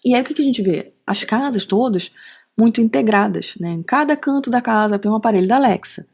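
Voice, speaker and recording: A woman's voice: on the high side, fairly quick, gravelly. A middle-aged woman with a Carioca accent, a podcast guest chatting casually and acting out the voices of people in her stories. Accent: Carioca Brazilian Portuguese. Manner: lively storyteller, acts out quoted dialogue, frequent tag questions. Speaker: podcast guest, digital marketing strategist. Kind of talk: casual conversational interview.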